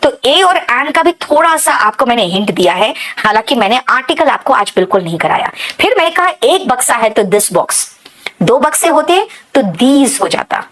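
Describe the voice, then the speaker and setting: Indian woman English teacher, high lively voice, unhurried, keeps checking in with students. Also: low-quality recording. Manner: addresses students as beta, checks with "right?" often; says example sentences slowly and clearly. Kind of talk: live online lesson.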